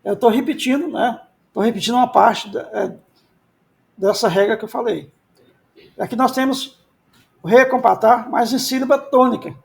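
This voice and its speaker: A man's voice: very high voice, moderate pace, vocal fry, long pauses. A man, a pastor teaching biblical Hebrew in a lecture, repeating key points and answering his own questions. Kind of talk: classroom lecture.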